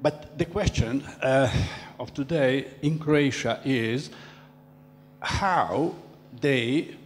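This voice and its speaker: An older man asking a question from the audience into a handheld mic, speaking haltingly with pauses. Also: medium pitch. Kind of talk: public Q&A question. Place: large dark hall, standing. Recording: hall reverb with a faint hum.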